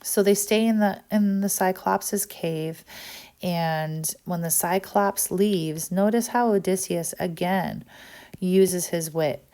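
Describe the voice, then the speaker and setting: A woman teacher explaining a text in a recorded lesson, often pausing with "um" and checking in with "right?". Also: on the low side, warm tone.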